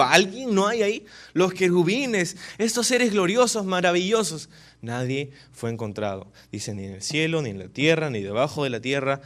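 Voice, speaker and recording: A man preaching a sermon, animated, often tossing rhetorical questions to his listeners. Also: medium pitch. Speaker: pastor.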